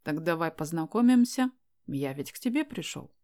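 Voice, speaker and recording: A woman's voice: sits low, lively intonation, moderate pace, darkish tone. A woman voicing a self-assured young man in an audiobook, teasing and insistent as he presses a shy girl to go out with him. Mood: coaxing.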